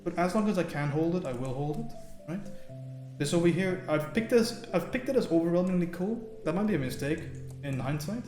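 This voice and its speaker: A man streaming a live painting lesson, thinking aloud in a relaxed way and often checking in with "right?" while chatting with viewers. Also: fairly high pitch, a little fast. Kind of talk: live painting tutorial with chat. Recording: roomy sound with faint music.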